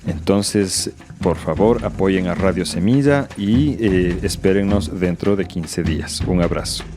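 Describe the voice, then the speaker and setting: A man hosting a podcast, reading announcements and interviewing a guest in a calm, measured way. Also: sits low. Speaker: podcast host.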